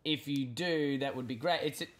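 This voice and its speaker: A man's voice: medium pitch, normal speed. A man co-hosting a casual chat, chiming in with dry asides. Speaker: co-host. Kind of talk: casual podcast banter.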